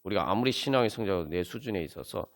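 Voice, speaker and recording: Animated Korean pastor preaching. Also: male voice, low voice, fast. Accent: Seoul Korean. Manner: earnest preaching with many fillers, rising to emphatic peaks. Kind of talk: sermon at a Friday prayer meeting. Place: church sanctuary.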